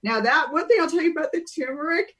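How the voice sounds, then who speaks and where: Female wellness guest, high, chatty, friendly explainer. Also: lively intonation, fast, a bit bright. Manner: chatty, explanatory, laughs easily. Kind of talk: casual chat over a video call. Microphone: video call.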